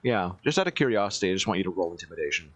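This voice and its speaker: A man's voice: sits low, expressive, very fast, dry recording. A man running a tabletop role-playing game as game master over voice chat, stammering often and laughing a lot.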